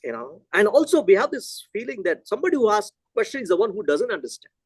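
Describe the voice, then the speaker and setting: A middle-aged Indian man, a native Telugu speaker, gives an animated, conversational physics lecture, thinking aloud as he goes. His voice is high, fast, and has a breathy edge, with no room sound.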